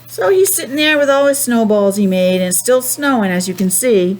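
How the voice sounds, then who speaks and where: A preschool teacher with a fairly high, expressive voice reads a picture book to young children at a fairly quick pace, though the recording is rough. She patiently asks them questions and explains things in simple terms.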